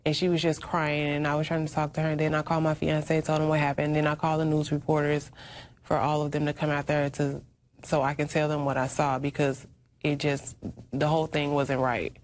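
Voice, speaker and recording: A woman's voice: low-pitched, monotone, fairly quick. A woman interviewed as an eyewitness, recounting what was seen in a plain, matter-of-fact way.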